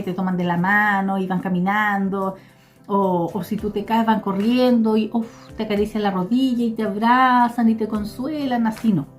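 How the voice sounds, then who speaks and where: A Chilean woman speaks in a relaxed, reflective way, sharing personal memories with her viewers. She hesitates often and takes her time, her voice sitting at an ordinary middle pitch. Faint music plays behind her. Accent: Chilean Spanish. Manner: slow, reflective, hesitant with many fillers. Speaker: vlogger. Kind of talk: personal storytelling to camera.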